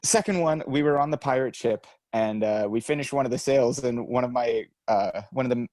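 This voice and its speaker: Young man, casual podcast co-host, self-mocking and chatty, mid-pitched voice, dry sound. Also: brisk, a little mellow, no echo. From Canada. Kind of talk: casual chat.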